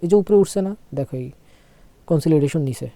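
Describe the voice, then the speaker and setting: Slow-talking unwell man. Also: a little high, mellow, dry recording. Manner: slow, repeats phrases, asks "okay?" often. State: unwell, speaking slowly. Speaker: trading tutor. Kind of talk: casual screen-share tutorial.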